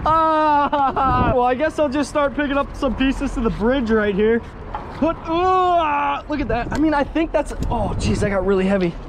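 A young man hosts an outdoor vlog, excitable and quick to laugh. His voice sits very high. He films on an action camera beside a road, and clear traffic noise runs behind him. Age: young adult. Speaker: host. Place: outdoors by a busy road and bridge. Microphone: action camera, chest mount or held at arm's length.

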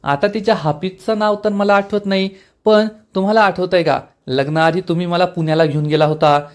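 A man voicing a quick-tempered young village bride, retorting in a slightly raised voice. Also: high-pitched, fairly even intonation, close to an everyday voice. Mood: snappy.

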